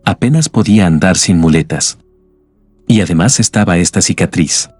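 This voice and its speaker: A man voicing a weary, scarred man in an audiobook, speaking quietly and ruefully. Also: sits low, normal speed, no echo, soft background music.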